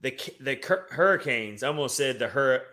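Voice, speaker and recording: Bright-voiced man with a Southern Tennessee accent. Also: medium pitch, expressive, moderate pace. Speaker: sports podcast host. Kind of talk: casual sports talk.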